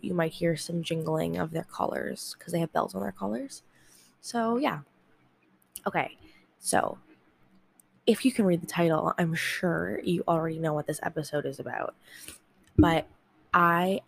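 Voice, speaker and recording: A woman with a lowish, creaky voice hosts a casual solo podcast, rambling with many ums. Congestion makes her sound nasal, and a fan whirs in the background.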